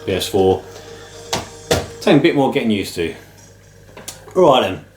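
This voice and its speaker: A man's voice: mid-range voice, very animated, moderate pace, noisy background. A middle-aged British man with a slightly nasal, bunged-up voice from man flu, chatting casually and ramblingly as the host of a video channel. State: man flu, a head cold. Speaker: host of a video game pick-ups channel. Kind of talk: casual chat to camera. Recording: roomy echo, music underneath. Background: music.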